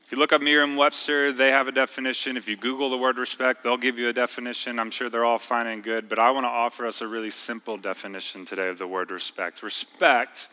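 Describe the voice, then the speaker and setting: A man preaching a sermon in a church, talking in a conversational way and slowing down to stress key words. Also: medium pitch, flat delivery, bright, forceful tone, low-quality recording. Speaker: pastor. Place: church sanctuary.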